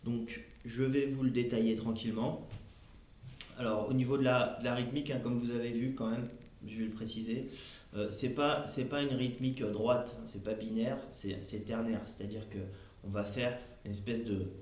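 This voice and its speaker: A man giving a patient, step-by-step guitar lesson, explaining slowly with chatty fillers. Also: medium pitch, steady tone, a little mellow, reverberant, lo-fi sound. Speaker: guitar teacher. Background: his own acoustic guitar playing.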